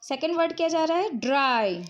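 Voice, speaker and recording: Woman, high voice, patient phonics teacher, slightly muffled lo-fi audio. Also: lively intonation, moderate pace. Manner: patient, repeats "ठीक है" often, mixes English words in. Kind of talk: explaining English phonics rules. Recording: dull, lo-fi recording.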